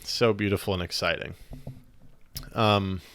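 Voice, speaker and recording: A man talks through his thoughts on a solo podcast, earnest and searching, often restarting and pausing, a little out of breath. His voice sits low and sounds smooth and resonant. The recording is close and dry, with no room sound. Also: steady tone, fairly bright tone, no room sound. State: slightly out of breath. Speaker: podcast host. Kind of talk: reflective solo podcast monologue.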